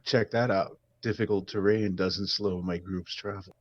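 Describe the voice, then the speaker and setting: A man's voice: sits low, steady tone, moderate pace, dry recording, highs cut off. A man playing in a tabletop game over online group voice chat, making brief, practical remarks. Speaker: player. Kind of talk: casual game talk.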